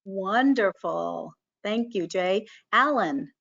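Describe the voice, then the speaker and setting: A woman's voice: mid-range voice, expressive, slow pace, creaky, fairly bright tone. A woman moderating a webinar panel who greets each speaker with upbeat affirmations. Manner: upbeat affirmations, some fillers. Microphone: video call. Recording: muffled video call audio.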